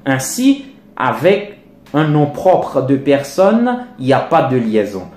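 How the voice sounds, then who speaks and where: A man teaching a lesson on pronunciation, slowly and deliberately repeating his examples. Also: mid-range voice, very animated, a little mellow, echoey room. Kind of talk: lecture on French pronunciation.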